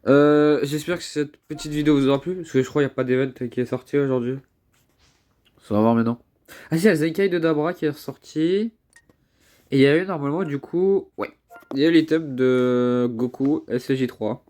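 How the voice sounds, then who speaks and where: This mobile game YouTuber is a young man stuffed up with a cold, chatting through casual gameplay commentary. His voice sits on the high side and runs fairly quick. Excitable and talkative, he repeats himself and mutters curses quietly.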